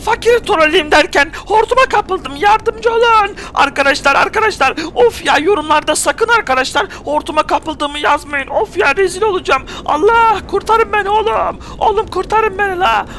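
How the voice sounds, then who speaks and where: A man's voice: extremely high pitch, animated, moderate pace, few pauses, pushed and bright, faint music behind, pitched above the performer's own voice, full character voice. Man doing a sly whiny Joker. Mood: panicked. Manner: whiny pleading, sneaky scheming. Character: scheming male Joker trickster, sly and whiny. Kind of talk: Minecraft role-play voicing.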